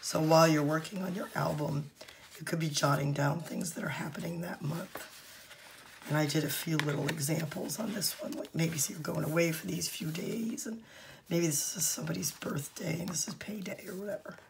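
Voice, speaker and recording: Hoarse, croaky woman who has lost her voice. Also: deep voice, moderate pace, a little hiss or hum. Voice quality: husky, croaky, often breaking into a whisper. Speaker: craft channel host. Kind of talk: casual craft project walkthrough.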